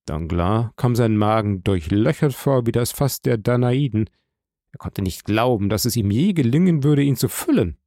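A male narrator reading an audiobook in measured, even sentences. His voice is gravelly and mellow, and the recording is close and dry. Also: medium pitch, no echo.

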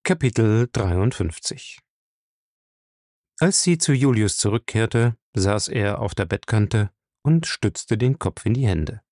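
A man's voice: lowish voice, lively intonation, takes it slowly, a little mellow, no echo. A man reading a crime novel aloud, narrating expressively. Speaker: audiobook reader.

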